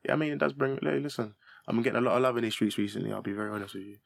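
Fast-talking young London man. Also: mid-range voice, vocal fry, no echo. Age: young adult. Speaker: podcast host. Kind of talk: casual banter with slang.

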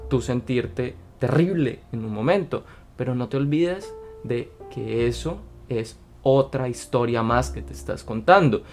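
A man hosting a casual motivational talk, speaking in an earnest, coaching way. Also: mid-range voice. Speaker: podcast host.

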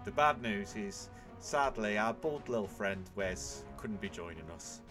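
A man's voice: fairly low pitch, lively intonation, measured pace, music in the background. A man with a Birmingham accent hosting a podcast in casual, self-deprecating chat. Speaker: podcast host.

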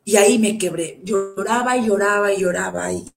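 A woman giving a personal testimony in a halting, emotional way, with many fillers and restarts, often dropping to a low, soft voice. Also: creaky, music in the background. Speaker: survivor sharing her story.

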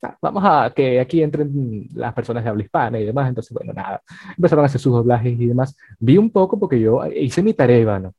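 A man's voice: mid-range voice, animated, fast, creaky, warm tone, breathy edge, no room sound. A man hosting an interview, asking long, rambling questions full of fillers. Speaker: interview host. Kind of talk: casual interview talk. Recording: dry dull sound, faint music.

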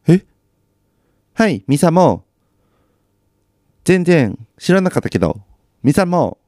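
Chatty man with a mellow dry voice. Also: mid-range voice, dry recording. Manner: chatty, mumbling asides, self-deprecating. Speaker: solo podcaster. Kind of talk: casual solo chat while watching TV.

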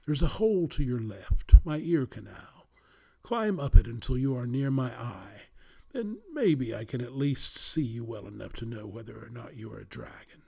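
A man reading a storybook and voicing an old, deep-voiced male whale that is gruff and wary, with a slow, booming, rumbling delivery. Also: sing-song, mellow, exaggerated voice. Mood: stern.

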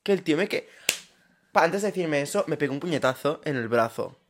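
A young man, co-hosting a casual podcast and telling stories in an animated way, laughing often. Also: fairly high pitch, a little fast. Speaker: podcast co-host. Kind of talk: casual chat.

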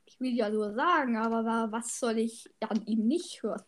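A woman chatting excitedly on a podcast, telling little stories. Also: on the high side, moderate pace. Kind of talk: casual podcast chat.

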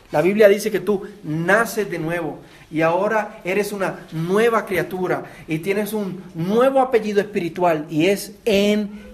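High-voiced Puerto Rican pastor preaching. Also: male voice. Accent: Puerto Rican Spanish. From Puerto Rico. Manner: earnest preaching, repeats words, asks the congregation direct questions. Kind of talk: sermon.

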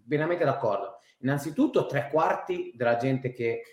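A man's voice: mid-range voice, moderate pace. Exasperated man in an echoey room. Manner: emphatic, exasperated, swearing. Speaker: football fan panelist. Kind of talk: casual heated football discussion. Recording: roomy, echoing room sound.

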